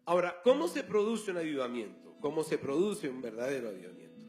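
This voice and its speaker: A man's voice: fairly high pitch, very animated, fast, a little mellow, faint music behind. A male pastor preaching a sermon, telling a story and acting out the dialogue. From Colombia.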